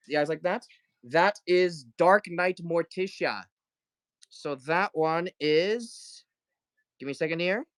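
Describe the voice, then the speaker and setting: Bright-voiced man selling toys live. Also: a little high, no echo. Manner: chatty, greets viewers, counts down sales. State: sick with flu, coughing. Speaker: livestream toy seller. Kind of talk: casual live-selling chat.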